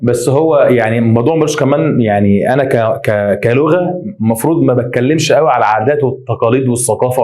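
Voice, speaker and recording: A man with an Egyptian Arabic accent, teaching German grammar by walking through exercises and reading the sentences out slowly. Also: mid-range voice, a little mellow. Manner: quick explanatory, reads German slowly. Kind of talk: exam exercise walkthrough.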